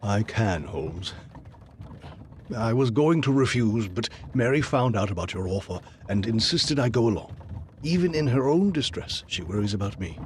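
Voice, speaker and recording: A man playing a loyal, kindly Victorian doctor in an audio drama, speaking in a genteel, old-fashioned and expressive way. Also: fairly low pitch, normal speed, a little hiss or hum, lightly acted. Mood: subdued, resigned.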